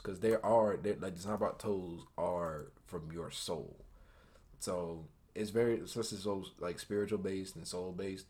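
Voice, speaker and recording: A man's voice: low-pitched, a little mellow. A young American man co-hosting a casual anime chat, talking in slangy, joking, teasing phrases. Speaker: podcast co-host.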